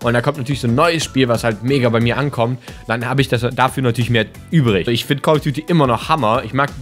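Hoarse German-speaking gamer, strained voice. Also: male voice, medium pitch, fast talker, faint music behind. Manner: casual, slangy, excitable. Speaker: gaming YouTuber. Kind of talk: casual gameplay commentary.

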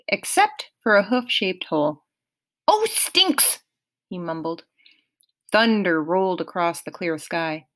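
A woman reading a novel aloud in first person, unhurried and expressive. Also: mid-range voice. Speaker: audiobook reader.

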